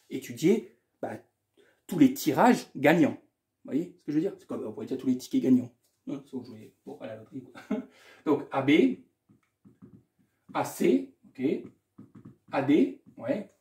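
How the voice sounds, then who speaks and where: A man talks through a math exercise as a tutor, repeating words and adding casual asides as he goes. His voice sits a little high for a man but sounds mellow and soft-edged. The room around him rings with echo. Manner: thinks aloud, repeats himself, casual asides. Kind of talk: explaining a math exam correction.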